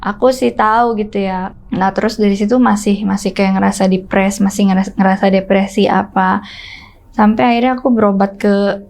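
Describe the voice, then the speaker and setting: A woman's voice: mid-range voice, steady tone, normal speed, vocal fry, a little mellow, a little hiss or hum. A woman guest in casual conversation, recounting a personal ordeal in an earnest, emotional way. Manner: earnest and emotional, with frequent fillers and restarts. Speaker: guest storyteller.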